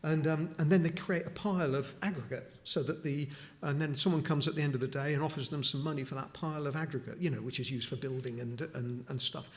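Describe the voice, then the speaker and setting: A fairly high-pitched, steady voice moves at a quick pace as a middle-aged man from Newcastle upon Tyne, England, speaks for a charity at a chapel. His talk to the congregation is informal and conversational, with many restarts and asides.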